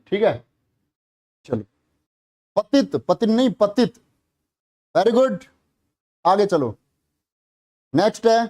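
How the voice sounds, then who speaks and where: Guy teaching a class, high voice, says every word twice and keeps quizzing the kids. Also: a little mellow. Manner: repeats each word, quizzes the students. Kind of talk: classroom lesson.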